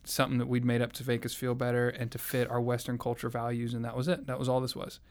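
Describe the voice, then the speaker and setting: Here a young adult man from the American South relates his faith journey during an interview, earnestly and reflectively, as personal testimony in conversation. He talks fast, with a medium-pitched, darkish voice and a completely flat delivery.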